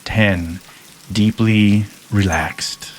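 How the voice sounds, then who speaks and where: A man with a very low voice leads a hypnosis session, speaking soft, calm and unhurried, with long pauses between phrases. Faint rain patters behind him. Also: a little hiss or hum. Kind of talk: guided hypnosis induction.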